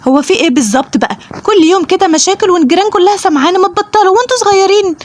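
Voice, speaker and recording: Woman playing a frazzled Egyptian mother, high-pitched and quick, nagging and threatening, casual toy play. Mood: exasperated. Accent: Egyptian Arabic. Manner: exasperated rapid scolding, threatening. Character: harried mother scolding her two children. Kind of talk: playful toy role-play voicing.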